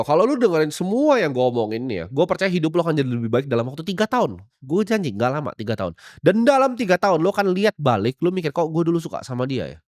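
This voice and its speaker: A brash young man lectures his listeners in a blunt motivational monologue. His voice sits a little high and swings widely in pitch as he hammers his points home. The sound is dry and close, with no room around it. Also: no echo. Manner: brash, lecturing, mixes in English phrases. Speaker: motivational speaker.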